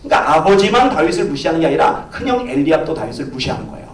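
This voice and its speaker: A pastor preaching a sermon, telling a story with lively swings of voice and acting out the people in it. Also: male voice, fairly high pitch, very fast. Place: church sanctuary. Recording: echoey church, from far off.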